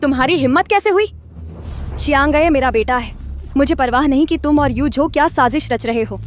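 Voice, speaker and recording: Woman as indignant mother, high voice, dubbed drama. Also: moderate pace, a little hiss or hum, lightly acted. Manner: scolding, indignant. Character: doting middle-aged mother, defends adopted son. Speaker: dubbing actor.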